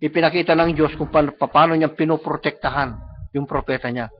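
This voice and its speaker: A man with a Filipino accent preaching a sermon, often checking in with the congregation and slowing down to stress quoted lines. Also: a little high, fairly even intonation. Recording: muffled live-stream recording.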